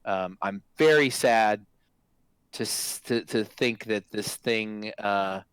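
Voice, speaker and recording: A man in his forties, a guest on a stream interview, chatting in an excitable, casual way with lots of restarts and swearing. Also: lowish voice, slow pace, clear, resonant tone, no room sound, rough recording. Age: 40s. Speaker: guest, former game product manager.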